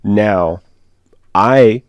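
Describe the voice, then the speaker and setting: Deep-voiced man musing in casual chat. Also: drawn-out words, clear, resonant tone, dry recording, highs cut off. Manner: rambling, thinks aloud in long run-on thoughts. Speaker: podcast co-host.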